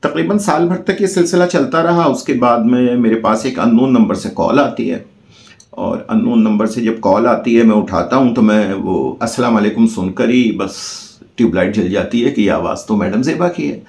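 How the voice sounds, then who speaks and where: A man's voice: mid-range voice, moderate pace, creaky, darkish tone, echoey room. A man telling a heartfelt personal story as a channel host, in earnest, formal diction.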